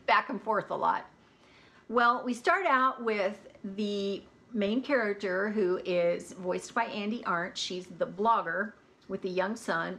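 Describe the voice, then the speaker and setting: An American woman chatting about audiobooks in a relaxed, candid way. She talks plainly, with easy asides, at a middling pitch. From United States. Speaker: audiobook reviewer. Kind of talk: casual chat.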